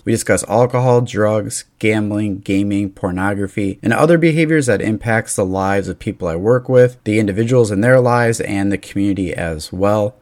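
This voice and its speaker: A man hosting a podcast, earnest and measured, a bit halting when asking questions. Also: fairly low pitch. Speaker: podcast host. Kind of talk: podcast intro and interview.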